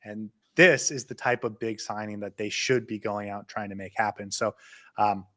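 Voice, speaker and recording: A man co-hosting a casual podcast, talking excitedly and quickly until he runs short of breath. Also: fairly low pitch. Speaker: podcast co-host. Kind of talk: casual chat.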